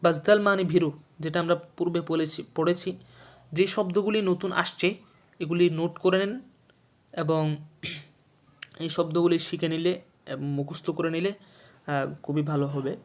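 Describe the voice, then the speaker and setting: A man's voice: fairly high pitch, fairly even intonation. Patient male teacher repeating each word. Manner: explains slowly, repeats words and meanings, quizzes the listener. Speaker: Urdu teacher. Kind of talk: textbook lesson for a video series.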